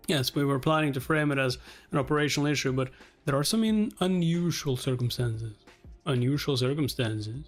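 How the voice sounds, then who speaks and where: Hosting a reaction channel, a man voices a webtoon's captions and dialogue with dramatic flair, shifting his pitch from one character to the next as he goes.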